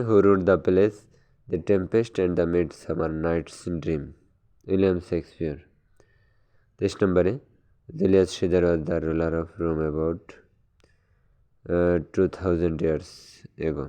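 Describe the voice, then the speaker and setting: A man's voice: low voice, steady tone, mellow, smooth. A man tutoring for an exam, reading quiz questions and answers one by one, with hesitations and fillers. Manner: reads quiz questions slowly, then explains in quick asides. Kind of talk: exam-prep lesson.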